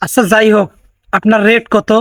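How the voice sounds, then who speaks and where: Fast, high-voiced sarcastic roast host. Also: male voice, level tone, creaky, heavy background noise. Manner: sarcastic, teasing. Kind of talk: mocking comedic roast narration.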